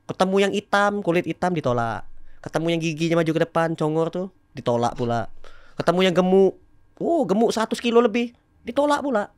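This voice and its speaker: A man, telling his personal story candidly as a podcast guest and growing loud and emphatic at times. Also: sits high, fairly quick, smooth, no echo. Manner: animated, rising to loud emphatic bursts.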